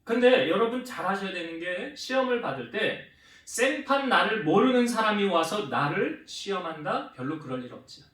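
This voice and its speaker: Lively, high-voiced preaching man. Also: moderate pace. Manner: asks the congregation questions and answers them himself; acts out quoted speech with shifts in pitch and loudness. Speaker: pastor. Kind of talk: sermon. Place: church sanctuary. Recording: roomy church hall with the mic some distance away.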